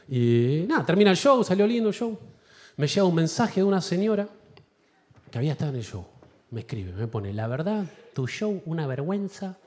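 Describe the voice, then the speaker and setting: A man with an Argentine accent doing a stand-up comedy set in a theater, telling animated stories and acting out voices. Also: fairly high pitch. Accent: Argentine Spanish. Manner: animated storytelling with acted-out voices. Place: large theater with live audience.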